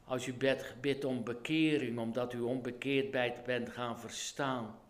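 Dutch pastor in an earnest sermon, mid-pitched man, pleading and urgent. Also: steady tone, unhurried. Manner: earnest preaching that rises to urgent, loud pleading.

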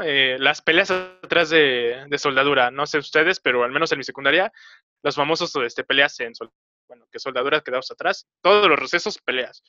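A young man with a Mexican Spanish accent telling a personal story in casual talk, halting and rambling with many filler pauses. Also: fairly high pitch, pushed and bright, no echo. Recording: slightly dull, dry recording.

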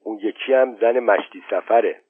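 A man reading aloud voices a calm village man who speaks quietly and steadily. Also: lowish voice, slightly rough, no room sound. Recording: thin phone-like sound.

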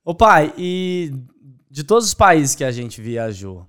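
A man's voice: on the high side, big pitch swings, takes it slowly, a bit bright, smooth. A man with a Brazilian accent, a son casually prompting his father with questions in a family chat. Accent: Brazilian Portuguese. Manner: prompting, asks questions, adds tags.

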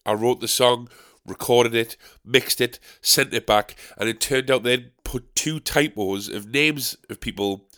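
A podcast host still stuffed up from a cold talks solo from his desk in a dark bedroom, his desk microphone poorly set up. His voice is deep, nasal and gravelly, pushed and bright at a measured pace, and he rambles, curses a lot and mocks his own mistakes.

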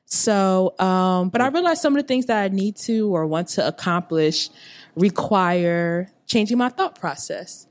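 A woman's voice: medium pitch, expressive, a little slow. A woman in her late twenties chatting casually on a podcast, rambling with lots of fillers and asides. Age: 20s. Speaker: podcast guest. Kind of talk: casual chat.

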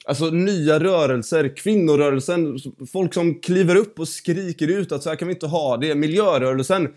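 A man's voice: a little high, a little mellow. A man in a comic podcast debate, arguing emphatically and mockingly, swearing now and then.

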